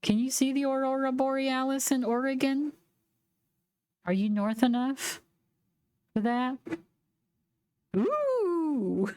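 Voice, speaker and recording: A woman streamer casually commenting while playing a game, with relaxed, joking asides. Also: high voice, unhurried, pauses often, clear, resonant tone, dry recording. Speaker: gaming streamer. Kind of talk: let's play commentary. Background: game music.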